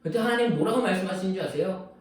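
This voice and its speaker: A man's voice: high voice, very fast. A man preaching a sermon as pastor, earnest and pleading, acting out prayers as he speaks. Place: church sanctuary. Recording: echoey church hall, distant mic.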